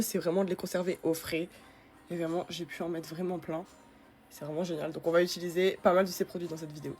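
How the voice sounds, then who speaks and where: A young woman from France chatting casually through her skincare routine, with many fillers. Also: medium pitch. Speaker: beauty vlogger.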